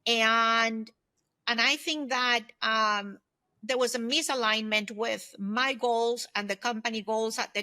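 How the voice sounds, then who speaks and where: A woman in her fifties, a former executive who became a solopreneur, answers as a podcast interview guest in a reflective, conversational way. Her voice sits fairly high and sounds pushed and bright, and the recording is dry.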